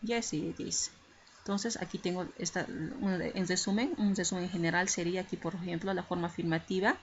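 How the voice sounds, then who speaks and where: Heard through faint hiss and a slightly muffled lo-fi recording, this grammar teacher speaks in a fairly low, steady voice at normal speed. She explains English grammar patiently, step by step, and checks in with her students during the recorded lesson.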